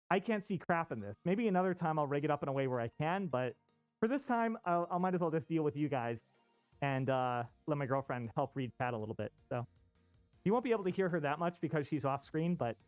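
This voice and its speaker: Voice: medium pitch, no room sound. A streamer chatting casually and rambling informally, with a muffled voice as if covered by a costume head. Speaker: livestream host. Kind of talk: casual chat. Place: inside a fursuit costume head, indoors. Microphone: off-costume streaming microphone. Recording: muffled, dull sound from inside costume.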